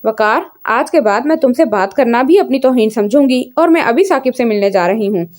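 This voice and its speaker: Fiery young heroine from a storybook, read by a woman, high voice, indignant delivery. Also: animated, fairly quick, a little mellow, lightly acted. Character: young woman, proud and quick to anger.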